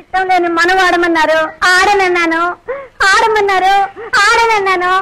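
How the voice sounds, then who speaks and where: A woman's voice: extremely high pitch, moderate pace, crowd noise. An actress playing a naive, sulky young woman who speaks in a simple, plaintive way. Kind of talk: 1980s Telugu film drama. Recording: old film soundtrack with music under the dialogue.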